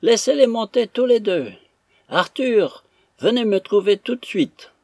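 A man voicing a stern, paralysed older woman giving calm, firm orders. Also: measured pace, no echo, full character voice. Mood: commanding. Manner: high, firm, commanding.

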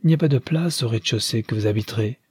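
A man reading aloud, voicing a composed, commanding old grandmother who gives counsel in a measured way. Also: medium pitch, slightly rough, no room sound, studio quality. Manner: measured, authoritative.

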